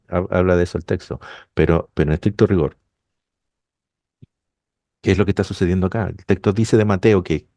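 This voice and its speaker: A man's voice: fairly low pitch, a little mellow, no room sound. A man preaching a sermon, explaining a passage to his congregation and rising to emphatic peaks.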